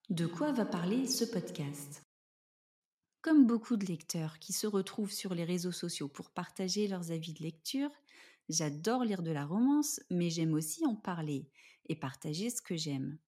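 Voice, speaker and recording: A woman podcast host reading a scripted narration in a measured, composed and careful way. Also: lowish voice, mellow.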